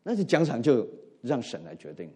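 Earnest man preaching, mellow voice. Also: medium pitch, huge pitch swings, fairly quick, husky. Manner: earnest, swings between emphatic rises and soft drops, mixes in English words. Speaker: pastor. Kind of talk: sermon.

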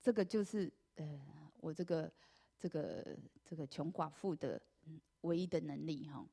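Speaking in a low, creaky, mellow voice, a Taiwanese-accented woman earnestly shares her personal church testimony. Her story is full of drawn-out fillers.

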